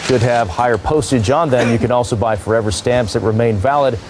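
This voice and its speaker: A man's voice: mid-range voice, fairly quick, background noise. A man working as a news anchor, reading the news.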